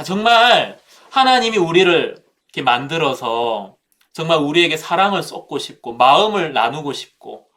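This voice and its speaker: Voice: mid-range voice, fairly bright tone. A speaker at a Bible seminar telling a childhood story in a Bible talk, using vivid sound words and addressing listeners directly.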